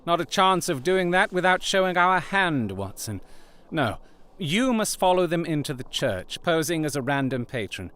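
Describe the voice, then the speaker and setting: An animated, commanding Sherlock Holmes. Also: male voice, on the high side. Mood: grave, calculating. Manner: theatrical, deliberate, formal diction. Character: Sherlock Holmes, shrewd, commanding Victorian gentleman detective. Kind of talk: period audio drama acting.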